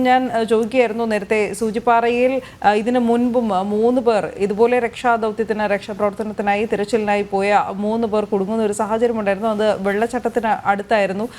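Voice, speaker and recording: A woman news anchor speaking live on air at a mid-range pitch for a woman. She talks in measured, even phrases, laying out background before her question and pausing briefly on short fillers as she goes.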